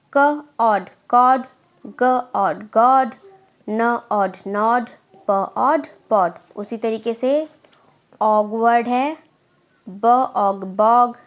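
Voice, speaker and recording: A woman, teaching a phonics lesson and slowly sounding out letters before blending them into words. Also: fairly high pitch. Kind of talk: slow phonics drill.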